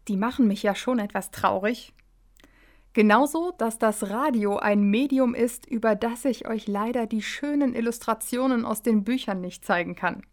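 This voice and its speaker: A woman reading her own children's story aloud on the radio, slow and measured. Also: fairly high pitch.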